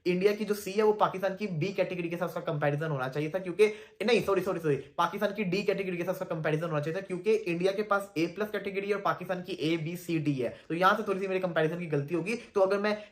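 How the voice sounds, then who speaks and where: A man's voice: high voice, fast talker, few pauses. A Pakistani man explaining cricket pay figures and correcting himself along the way. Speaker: commentator. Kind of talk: cricket talk.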